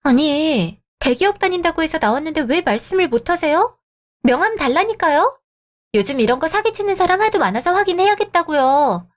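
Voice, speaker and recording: A woman's voice: high voice, expressive, normal speed, long pauses, pitched above the performer's own voice. A woman voicing a suspicious, money-minded young woman on a blind date in a radio drama.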